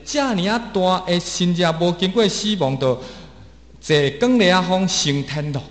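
A man's voice: sits high, unhurried. A man interpreting a sermon phrase by phrase, with occasional restarts. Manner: repeats each phrase, with small restarts. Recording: roomy long hall reverb.

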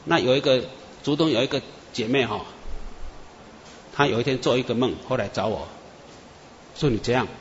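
A man preacher, telling dream testimonies in an animated storytelling sermon. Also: mid-range voice, normal speed, pauses often, slight background noise. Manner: animated storyteller, many "啊" and "哈" tags. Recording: echoey muffled hall with faint ambience.

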